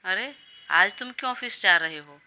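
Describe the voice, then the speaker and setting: A woman's voice: medium pitch, lively intonation, moderate pace, bright, forceful tone. A woman voicing a doting old grandmother who scolds her grandson fondly and sides with the new bride. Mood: scolding. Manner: fussy, indulgent scolding.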